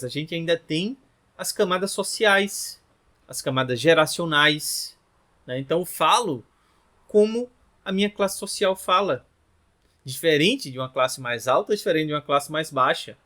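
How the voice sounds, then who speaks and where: A language teacher in his 30s from Natal, Rio Grande do Norte, gives an informal lesson to camera in a Brazilian Portuguese accent. His voice is higher, pushed and bright. Chatty by nature, he tends to end phrases with tag questions.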